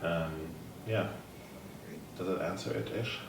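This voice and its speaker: Recorded from far away in an echoey, noisy conference room, a man with a deep voice speaks at a slow pace. He's a German-accented table tennis program leader from Germany giving a conference presentation. He tells stories in a relaxed, upbeat manner and answers questions.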